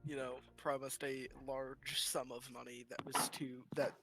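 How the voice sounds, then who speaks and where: A man's voice: medium pitch, little pitch movement, measured pace, a bit bright, faint music behind. A man talking as a player in a tabletop role-playing game, hesitant with many fillers.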